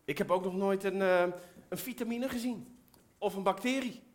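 A woman's voice: mid-range voice, normal speed. A woman telling a children's story on a live stage, patient and playful, explaining things simply. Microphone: headset mic.

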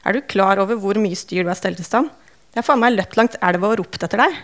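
A woman voicing a gruff, caring middle-aged uncle who scolds bluntly and swears, read in an audiobook. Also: mid-range voice, close to an everyday voice. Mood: angry.

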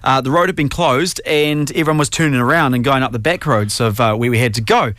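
A man's voice: mid-range voice, quick pace, fairly bright tone, dry recording, studio quality. A man with a New Zealand accent co-hosting a radio show, bantering and asking questions. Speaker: radio co-host. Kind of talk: breakfast radio banter and interviewing.

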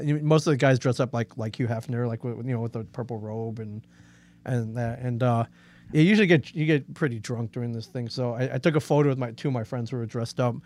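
A podcast co-host with a medium-pitched, darkish voice chats casually, rambling and joking at his own expense.

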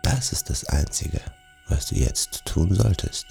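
A man narrating a guided sleep meditation in a soothing, gentle manner, speaking softly and directly to the listener. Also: rumbling low, very animated, measured pace, vocal fry, soft background music.

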